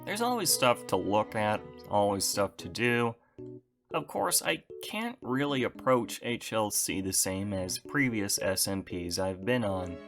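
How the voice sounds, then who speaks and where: A man's voice: lowish voice, expressive, a little slow, a bit bright, soft background music. A young man giving a casual channel update to his viewers, wry and self-deprecating, with dry understatement.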